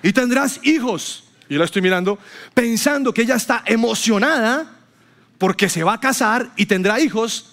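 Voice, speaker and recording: A man's voice: high voice, animated, normal speed, a bit bright. A man preaching a sermon to a church congregation, telling stories and acting out the people he quotes. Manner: storytelling, acts out quotes with rising voice. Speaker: pastor.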